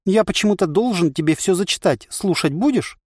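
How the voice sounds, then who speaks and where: A man's voice: high voice, expressive, fairly quick, husky, no room sound, studio quality, voice pushed up. A man voicing a cheerful, insane male voice inside the hero's head that chirpily recites adverts in an audiobook. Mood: reciting ad.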